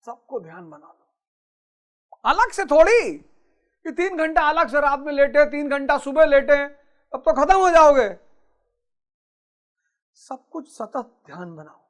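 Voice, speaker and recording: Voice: sits high, lively intonation, measured pace, long pauses. A spiritual teacher giving a motivational talk, urging listeners on and repeating key phrases.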